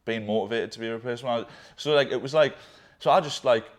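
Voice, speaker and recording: A man's voice: medium pitch, fast talker. A young man in candid conversation with his business partner, rambling with many fillers and casual swearing.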